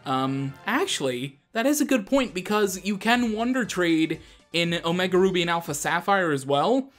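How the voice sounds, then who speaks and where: A man's high-pitched, fairly bright voice has a sing-song quality and a moderate pace. As host of a gaming show, he talks casually through the gameplay and often ribs himself, with video game music playing behind.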